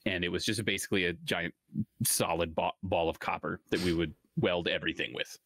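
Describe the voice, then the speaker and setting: A man's voice: low-pitched, brisk, no room sound, studio quality. A man in his thirties co-hosting a casual chat, telling rambling stories. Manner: rambling storyteller, animated. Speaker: podcast co-host.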